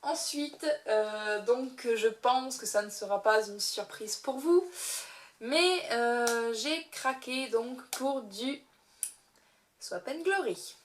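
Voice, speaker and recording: A woman's voice: fairly high pitch, expressive, slow pace, a little hiss or hum. A young woman chatting casually about beauty products she bought, giggling often and filling her sentences with hesitations and restarts. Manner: chatty, giggly, many fillers and self-corrections. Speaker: beauty vlogger. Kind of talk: casual haul video chat.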